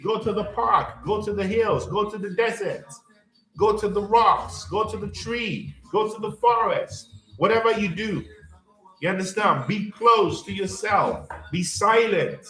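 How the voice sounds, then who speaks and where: A man coaching a live audience in a slow, emphatic spiritual pep talk, repeating himself often and checking in with "you understand?". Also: high-pitched, sharp tone. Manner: repetitive, keeps asking "you understand?" and greets viewers by name. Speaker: life coach hosting a livestream. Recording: echoey room with faint music.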